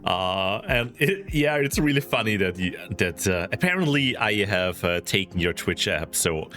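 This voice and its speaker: A man's voice: on the low side, expressive, moderate pace, sharp tone, faint music behind. A man chatting casually as a livestream host, playful and exclaiming in a cute, bubbly anime-streamer way. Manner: playful, exclaiming, greets viewers by name.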